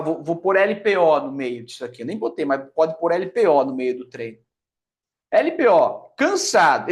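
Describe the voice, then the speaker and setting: A man with a Brazilian Portuguese accent giving an emphatic, conversational fitness lesson, often checking in with his listeners. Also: fairly high pitch. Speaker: fitness teacher. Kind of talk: explanatory lecture.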